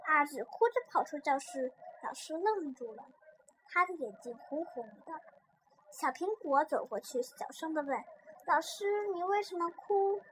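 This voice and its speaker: A woman reading a children's story aloud in a lively, expressive way. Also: high voice, moderate pace, a little hiss or hum.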